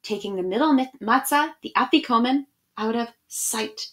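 At normal speed and with a slightly bright voice on the high side, an education director reads picture books to children in an online storytime. She speaks from a small room at home, reading expressively and chatting in a friendly way with her viewers.

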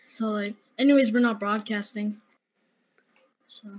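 A man's voice: high voice, fairly even intonation, unhurried. A guest gamer casually chatting during a match, often complaining about his aim. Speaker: gaming youtuber, guest. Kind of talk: casual gameplay chat.

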